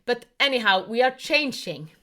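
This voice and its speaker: A woman hosting a casual online conversation who speaks earnest, halting English full of spiritual talk. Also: fairly high pitch, very animated, sharp tone. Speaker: host. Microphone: online call.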